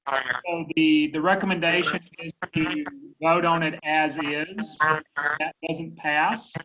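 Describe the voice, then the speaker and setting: A man's voice: a little high, fairly even intonation, takes it slowly. A man chairing a conference call, talking hesitantly with many fillers over a crackly phone line that keeps breaking up.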